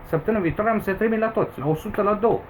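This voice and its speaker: A man's voice: high-pitched, slight background noise, poor audio. A Romanian man in his forties, rambling through an agitated personal complaint to camera, with emphatic outbursts. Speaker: vlogger. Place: home in the Philippines.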